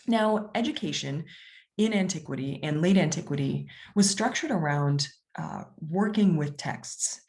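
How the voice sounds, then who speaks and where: A woman's voice: low voice, a little mellow. A woman giving a public lecture, explaining in a conversational way with frequent fillers.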